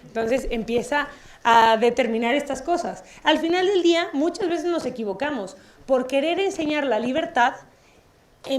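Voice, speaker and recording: Brief: woman lecturer with a fairly high voice, lively and playful with the audience. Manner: lively, asks the audience questions, playful asides. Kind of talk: public talk with audience questions. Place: auditorium.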